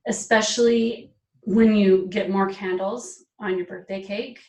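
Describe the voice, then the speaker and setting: A lively, emphatic woman in her forties talks about personal style as an interview guest, mid-pitched and often laughing. Her voice sits some way from the microphone, so it sounds distant. The room adds a noticeably echoey tail. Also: unhurried. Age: 40s. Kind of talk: casual interview chat.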